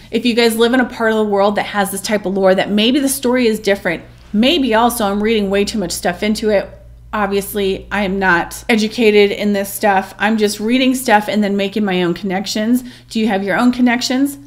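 A woman storyteller reading a legend aloud at an even, measured pace. She later drops into relaxed, informal vlog chat with fillers and asides to her viewers. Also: mid-range voice. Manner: steady reading, then chatty and informal. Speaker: storyteller and channel host. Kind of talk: myth read-aloud, then casual vlog chat.

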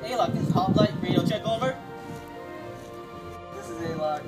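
A man's voice: high-pitched, huge pitch swings, normal speed, over loud music. A man doing a radio check on a two-way military radio, using clipped procedure talk in a comedy skit. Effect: talking over a two-way military radio.

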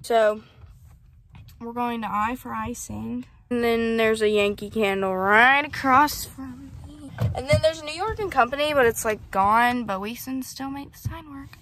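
A woman's voice: a little high, measured pace, fairly bright tone, a little hiss or hum. A teenage girl vlogging casually, chatting with lots of fillers and laughs as she moves between shops and the car. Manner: chatty, rambling, with many fillers and frequent laughs. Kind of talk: casual vlog. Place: car and shopping center, out and about.

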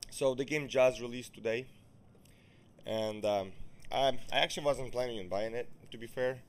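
A man's voice: mid-range voice, moderate pace. A man hosting a gaming channel, sounding sleepy and giving rambling, casual let's-play commentary. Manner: rambling, with many fillers.

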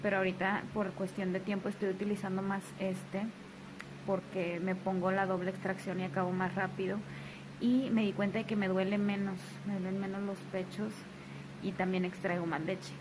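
A chatty woman, talking casually in her bedroom as a new mother vlogger. She often repeats phrases and slips into affectionate cooing. Her voice sits at a middling pitch with an even, narrow range, and steady background noise runs under the home recording. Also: normal speed.

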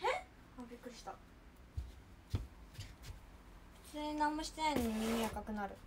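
A woman's voice: high-pitched, measured pace, background noise. A young woman hosting a casual livestream who chats in a filler-heavy way and reacts to fan comments as she reads them. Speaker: idol livestream host.

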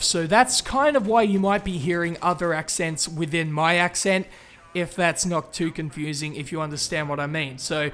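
High-voiced chatty Australian man. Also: fairly bright tone. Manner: chatty and upbeat, with fillers and restarts. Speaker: gaming YouTuber answering viewer questions. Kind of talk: casual Q&A vlog.

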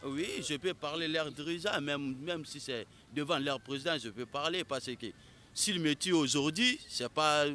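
Young passerby, bright and forceful voice, impassioned, faint outdoor noise. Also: male voice, on the high side. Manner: outspoken, impassioned. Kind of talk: street interview. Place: outdoors on a city square. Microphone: handheld mic held by interviewer.

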